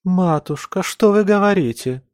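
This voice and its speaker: A man's voice: a little high, steady tone, normal speed, warm tone, no echo, clean studio sound, pitched above the performer's own voice, lightly acted. A man voicing a frightened, tearful young noble daughter who pleads meekly, in an audiobook. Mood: pleading. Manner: sobbing, pleading, meek. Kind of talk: audiobook character voice.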